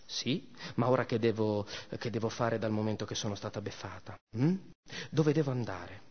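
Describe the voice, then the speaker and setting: A man's voice: on the low side, moderate pace, voice pushed down, natural voice. A man voicing Venus, a haughty vengeful goddess and jealous mother, in a scolding, theatrical way during a dramatic reading of a myth. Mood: brooding vengeful. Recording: dull recording with long reverb.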